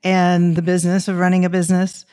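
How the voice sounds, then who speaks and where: A woman's voice: on the low side, monotone, fast talker, warm tone, clean tone. A woman hosting an interview, asking long and considered questions with curiosity. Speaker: interview host. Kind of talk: casual interview talk.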